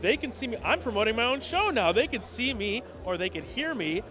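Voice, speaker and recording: A man's voice: very high voice, very animated, brisk. A man chatting casually as the interviewer for a wrestling show. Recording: outdoor urban crowd and traffic noise.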